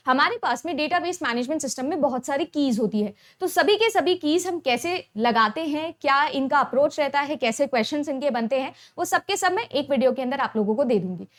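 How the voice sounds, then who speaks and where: A young woman teaching an exam-prep lesson, explaining step by step and often checking in with her students. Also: high-pitched. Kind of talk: Hindi-English mixed lecture.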